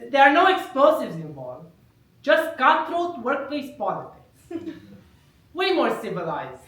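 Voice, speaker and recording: Bright-voiced woman doing stand-up in an echoey room. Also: sits high, wildly swooping pitch, measured pace. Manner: wry wordplay, laughs at her own jokes. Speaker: comedian. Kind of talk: live prop stand-up comedy. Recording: echoey room, mic at a distance.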